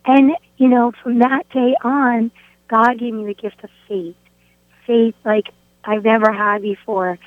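A woman's voice: on the high side, no echo. Woman telling her story over a phone line. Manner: animated storytelling, acts out quoted speech. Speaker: guest sharing testimony. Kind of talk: personal faith testimony. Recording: tinny phone line, dry.

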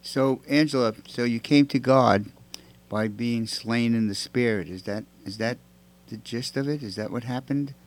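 A man hosting a talk show, asking guests questions in a measured way with hesitant restarts. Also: medium pitch. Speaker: host.

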